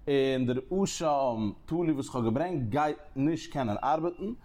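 A man giving a Talmud lesson at a steady, mid-range pitch. He works through each step in turn and lifts his voice sharply upward when he stresses a point. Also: normal speed. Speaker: Talmud teacher. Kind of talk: Talmud study lecture.

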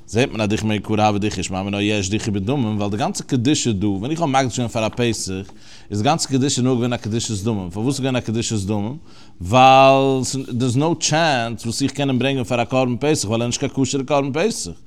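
A man's voice: mid-range voice, quick pace, a little mellow. A man teaching a Talmud lesson, reasoning aloud through the text and asking and answering his own questions.

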